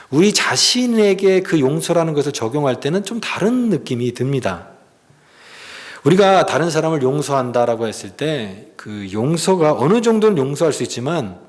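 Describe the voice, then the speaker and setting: A man's voice: a little high, a little mellow. A man preaching a sermon as pastor, earnest and emphatic, often putting questions to the congregation. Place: church sanctuary. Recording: long reverb of a church hall.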